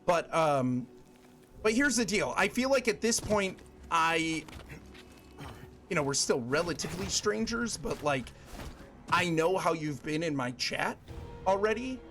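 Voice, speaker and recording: Streaming a game, a man in his forties rambles chattily with his viewers and is quick to laugh. His voice is fairly high, expressive and bright with a forceful edge, and faint music plays behind him.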